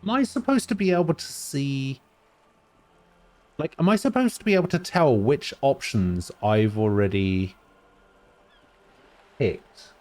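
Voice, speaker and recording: A man streaming a game, reading dialogue choices aloud and musing to himself in a relaxed, casual way. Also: mid-range voice, unhurried, pauses often, no room sound.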